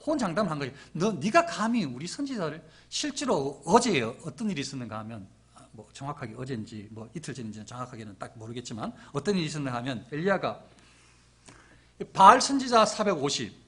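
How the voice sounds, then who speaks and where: Middle-aged preacher, animated storyteller, husky edge, wide-ranging pitch. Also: male voice, quick pace. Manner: animated storytelling with acted-out quotes. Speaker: pastor. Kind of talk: sermon.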